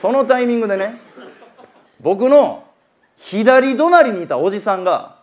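Young man, Kansai accent, animated stand-up storyteller, high voice with wide swings. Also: unhurried, crowd noise, noisy background. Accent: Kansai Japanese. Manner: animated storytelling, acting out his own race-day shouting. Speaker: comedian. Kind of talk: stand-up comic monologue.

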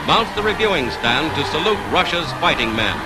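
A man's voice: a little high, big pitch swings, moderate pace. A man giving emphatic, declamatory narration in the style of an old 1940s wartime newsreel. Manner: emphatic, declamatory announcer delivery.

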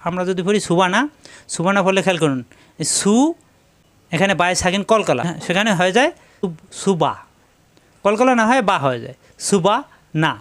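A man teaching Quran pronunciation step by step, repeating syllables slowly to drill each sound. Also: high voice, animated, fairly bright tone.

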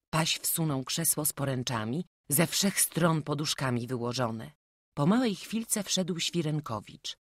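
A woman reading a classic children's novel aloud in calm, measured narration. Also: sits low, no echo. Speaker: audiobook narrator. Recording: dry close studio voice.

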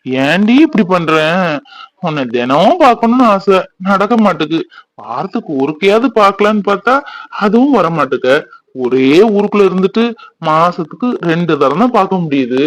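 A man's voice: high-pitched, very animated, moderate pace, no room sound, rough recording. A young man, playing a teasing, boastful village youth who dotes on his sweetheart. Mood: affectionate. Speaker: actor in a family fan drama. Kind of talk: village romance drama acting.

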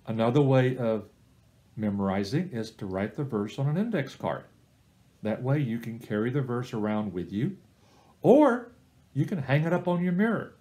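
In a recorded church small-group Bible study, a middle-aged man gives plain, step-by-step advice, teaching in an unhurried way. His mid-range voice is mellow yet animated.

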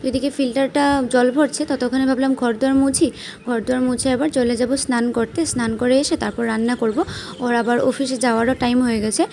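A woman's voice: sits high, fairly even intonation, fairly quick, creaky, darkish tone, slight background noise. A young woman with a Bengali accent, chatting casually through her day while unwell, with many fillers. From West Bengal, India. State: unwell with stomach pain. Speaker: vlogger. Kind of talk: casual vlog narration. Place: at home and out and about.

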